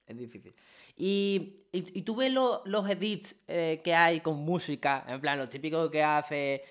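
A man's voice: on the high side, animated, measured pace. A young man, hosting a casual chat and rambling with lots of fillers. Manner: chatty, rambling with fillers and repeated words. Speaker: streamer host.

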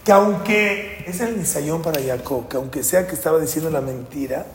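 A man leads a Torah lesson, animated and quizzing his students as he goes. His voice sits fairly high for a man. He is heard in an echoey hall with long reverb and a faint hiss behind him. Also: a little fast. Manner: animated, keeps quizzing listeners with "sí o no". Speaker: rabbi teaching a class.

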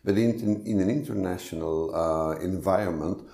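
A middle-aged man from Flanders with a Flemish accent, speaking as a podcast guest in a measured, hesitant way with many fillers. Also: sits low, vocal fry, dark tone, roomy sound. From Flanders, Belgium. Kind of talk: casual interview talk.

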